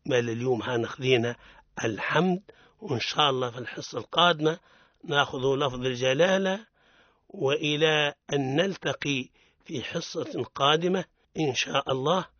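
An older man with a Tunisian accent teaching Quran recitation on the radio, mixing formal explanation with colloquial asides and slowly modeling each word. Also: a little high, fairly bright tone, no room sound. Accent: Tunisian Arabic. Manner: switches between classical Arabic explanation and colloquial asides, slows to model words. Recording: dull lo-fi radio broadcast.

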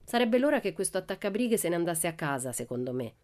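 A woman's voice: lowish voice, very animated, fast. A woman voicing a cheeky, fearless little girl who teases with mock politeness, in a radio story reading. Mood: teasing. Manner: cheerful, teasing, mock-gentle.

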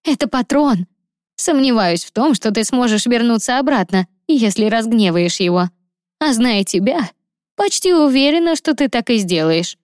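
A woman voicing an anxious, protective young woman, speaking high and worried, recorded dry and close. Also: animated, darkish tone, dry recording, natural voice. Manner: high, worried and quick to object.

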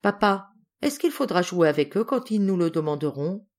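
A woman reading an audiobook who voices a gentle, well-behaved little boy in a soft, reasonable tone. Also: lowish voice, expressive, normal speed, natural voice.

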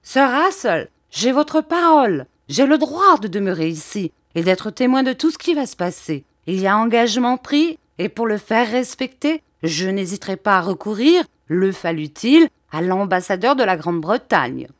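A woman reading an audiobook, voicing a proud, excitable English police detective who insists on staying. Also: medium pitch, normal speed, hardly any pauses, no room sound, lightly acted. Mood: indignant. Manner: indignant, insistent. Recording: dry close audiobook recording.

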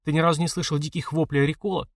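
A man's voice: a little high, little pitch movement, racing, dry recording, studio quality, recorded from a distance, voice pushed up, natural voice. A man reading an audiobook, voicing a sarcastic young male hero who mocks and needles his friend. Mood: needling. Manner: mocking, needling.

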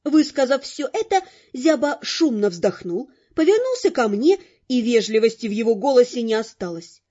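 A woman whose voice is a little high, with a breathy edge, narrates a first-person audiobook at normal speed, lively and full of expression. The dull lo-fi recording has faint music underneath.

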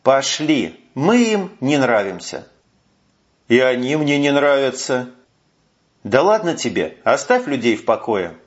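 A man's voice: medium pitch, sing-song, a little slow. A man voicing a middle-aged army captain who talks in a coaxing, friendly way, on a muffled recording. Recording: muffled lo-fi audio.

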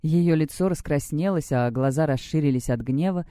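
A woman reads an audiobook in an even, first-person storytelling voice. Her tone is dark and mellow, and the recording is dry with no room sound. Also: low voice, moderate pace, no echo. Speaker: audiobook reader. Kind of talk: scripted narration.

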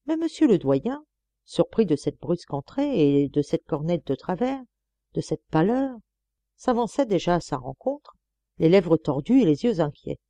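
Mellow, expressive woman reading a novel. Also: lowish voice, a little slow, no echo. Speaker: audiobook reader. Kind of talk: scripted narration of a novel.

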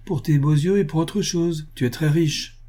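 Man doing an older family lawyer, blunt and scolding, pitched up, mellow husky tone. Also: moderate pace, lightly acted. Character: old family lawyer and guardian, gruff, snobbish.

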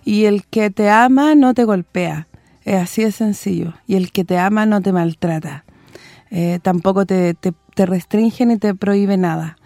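Gravelly Chilean woman speaking earnestly. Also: medium pitch, a little slow, dark tone, dry recording, studio quality. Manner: earnest and plain-spoken, blunt. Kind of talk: casual conversation.

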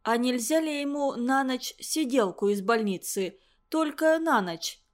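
A woman reading the lines of a gentle, caring mother who speaks softly and soothingly. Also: sits high, measured pace. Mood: worried. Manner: soft, soothing.

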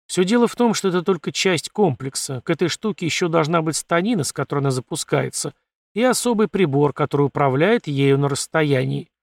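A man voicing a calm, firm male leader of a valley who speaks bluntly. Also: on the high side, brisk, creaky, dry recording, clean studio sound.

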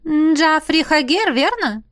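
A woman's voice: high voice, expressive, moderate pace, a bit bright, pitched above the performer's own voice. A woman voicing a fussy female teacher at a magic academy, strict and scolding, in an audiobook. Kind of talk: audiobook character voice.

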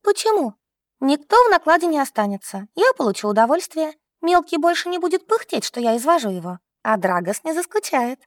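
A cheeky, brazen young woman with a high, teasing voice, as a woman narrating an audiobook puts her on. She sounds playful and provocative. The recording is dry. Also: very animated, a little fast, dry recording.

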